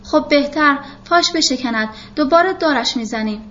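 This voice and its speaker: A woman's voice: high voice, expressive, fairly bright tone, lo-fi sound. A woman voicing a bossy male police captain who speaks in curt commands, in a storybook reading. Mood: brusque.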